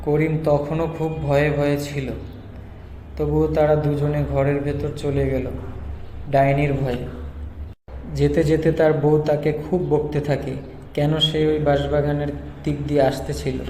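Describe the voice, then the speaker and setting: Even-toned male storyteller in reverberant room. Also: on the high side, a little slow. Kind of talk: scripted story narration for a cartoon. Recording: roomy reverb, faint background noise.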